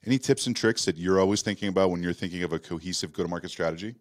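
A man's voice: sits low, racing. A man from Canada, hosting a podcast in a studio with upbeat, jokey banter. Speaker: podcast host. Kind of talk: casual podcast chat.

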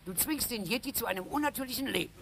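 A man's voice: very high-pitched, animated, fast, creaky, fairly bright tone, slight background noise, full character voice. An actor dubbing an indignant professor who accuses and scorns his old friend, in a dubbed film. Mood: accusing. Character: indignant professor, morally outraged man.

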